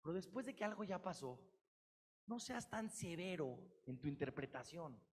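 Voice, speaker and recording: High-voiced man lecturing. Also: normal speed, husky. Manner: lively, acts out little dialogues. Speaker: seminar teacher. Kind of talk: religious lecture to women. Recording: long hall reverb.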